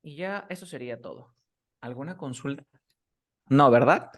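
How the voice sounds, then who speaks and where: A man giving a private language lesson at a steady mid pitch. His delivery is patient and methodical, and he breaks up each rule with quick checks for understanding. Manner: patient, keeps checking understanding with short questions. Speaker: English teacher. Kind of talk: explaining grammar rules in a one-on-one class.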